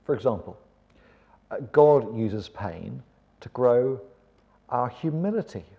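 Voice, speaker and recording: A middle-aged man preaching a sermon in a kindly, gentle vicar's manner, often putting questions to his listeners. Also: mid-range voice, expressive, slow, vocal fry, breathy edge. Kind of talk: sermon to a seated congregation. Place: church auditorium with stage.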